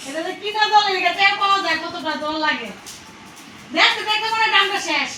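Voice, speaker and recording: Very high, bright woman calling from afar. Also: brisk, a little hiss or hum. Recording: echoey, distant from the mic.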